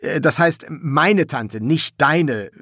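A man's voice: fairly high pitch, animated, slow pace, a bit bright, no echo, clean studio sound, pitched above the performer's own voice, exaggerated voice. A man voicing an anxious young king who hesitates and fusses in an audiobook. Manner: hesitant, fussy.

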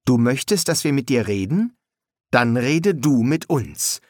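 A young woman soldier, sharp and direct, as a male narrator puts her on. He lifts his voice well above his own pitch. The sound is dry and close. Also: very animated, a little slow, no room sound. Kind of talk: audiobook character voice.

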